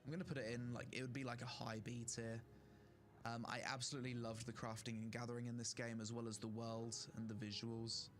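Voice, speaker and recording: With faint music behind him, the young streamer talks a little fast in a level, mid-range voice. His commentary casually and opinionatedly ranks online games, filled with fillers, his throat strained from speaking.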